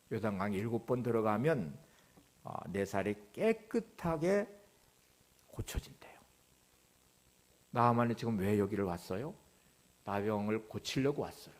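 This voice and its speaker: A man preaching a sermon as pastor, dropping to near-whispers and then rising to loud, emphatic questions, reading scripture slowly and dramatically. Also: mid-range voice. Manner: swings between soft near-whispers and loud emphatic rises; reads scripture aloud with slow, dramatic stress.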